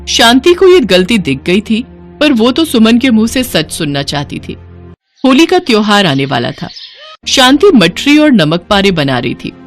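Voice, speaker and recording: A woman reading a scripted storybook narration with an even storytelling delivery. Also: mid-range voice, unhurried, soft background music.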